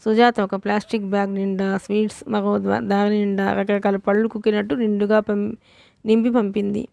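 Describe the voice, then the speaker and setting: A woman's voice: medium pitch, a little fast, creaky, no room sound. A woman reading a novel aloud as an audiobook narrator, telling the story steadily and voicing every part. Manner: steady storytelling, reads all parts.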